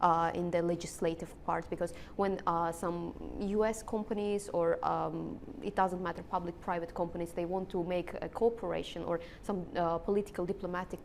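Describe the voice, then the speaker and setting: Halting low-voiced woman with Azerbaijani accent. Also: steady tone, vocal fry. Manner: halting, searching for words. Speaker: interviewed analyst. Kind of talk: political interview answers. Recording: rumbling background noise.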